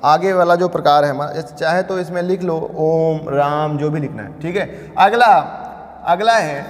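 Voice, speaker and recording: High-pitched man teaching Hindi grammar. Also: big-room sound. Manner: asks questions and answers them himself, repeating key terms. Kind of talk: classroom lecture.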